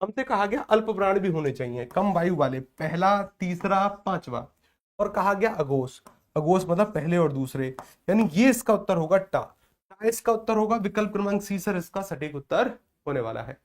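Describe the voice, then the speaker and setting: A man's voice: high-pitched, animated, moderate pace. A man teaching a language lesson, going through mock test answers and checking in with his listeners again and again. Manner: repetitive, checks in with listeners often.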